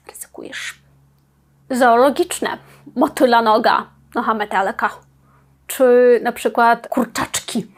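A woman with a slightly high voice teaches a language lesson. She says each example phrase slowly and deliberately. Then she drops to a softer, quieter tone to explain what it means. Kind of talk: explaining Polish phrases in Ukrainian.

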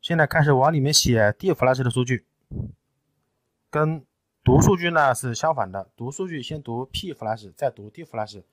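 A man in a technical tutorial, explaining each step patiently and often pausing with fillers. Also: mid-range voice, dry recording. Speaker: tutorial presenter. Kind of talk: screen-recorded technical tutorial.

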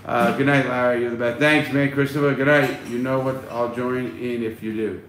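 Here a middle-aged man runs a laid-back livestream, reading viewers' messages and responding bluntly while swearing freely. His voice is mid-range and a bit bright, with fairly even intonation and normal speed. It's captured by a phone at arm's length in a small, echoey room at home, with faint noise.

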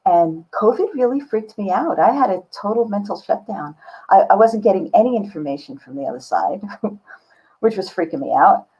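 A mellow, husky woman's voice at medium pitch, expressive and moderately paced, belongs to an older artist appearing as an interview guest via video call. She chats candidly and reflectively in an indoor home studio full of books, over slightly dull call audio.

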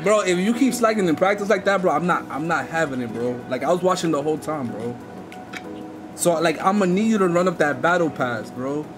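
Pitched on the high side and moving a little fast, the voice belongs to a young man on a headset doing prank calls at home. Music runs in the background of his indoor streaming room as he gets pushy and demanding, full of street slang.

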